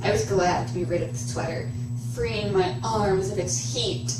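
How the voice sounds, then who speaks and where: A woman's voice: mid-range voice, moderate pace, a little mellow. A young woman co-hosting, casually reading fan fiction aloud with playful, theatrical comic asides. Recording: echoey room, distant mic.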